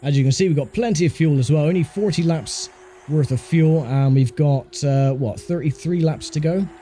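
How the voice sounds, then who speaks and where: A man's voice: on the high side, normal speed, dark tone. A man giving casual, conversational commentary while he plays a racing game, with mildly grumbling asides. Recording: faint car engine noise behind voice. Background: racing game engine sound.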